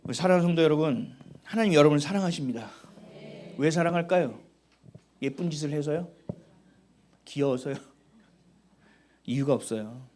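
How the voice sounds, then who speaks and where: A man's voice: fairly high pitch, normal speed, pauses often. A middle-aged man preaching a sermon as pastor, telling family stories with acted-out dialogue. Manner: animated storytelling, acting out family dialogue.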